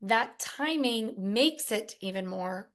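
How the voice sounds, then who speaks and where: A woman's voice: a little high, expressive, slow. A woman co-hosting a podcast, explaining in an upbeat, chatty way and acting out little customer quotes. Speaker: podcast co-host. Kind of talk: casual podcast chat.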